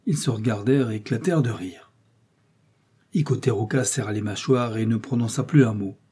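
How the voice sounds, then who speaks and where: A man reading an adventure novel aloud as narrator, in a measured, dramatic storytelling manner. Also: on the low side, dark tone, slightly rough. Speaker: audiobook reader. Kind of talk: scripted narration.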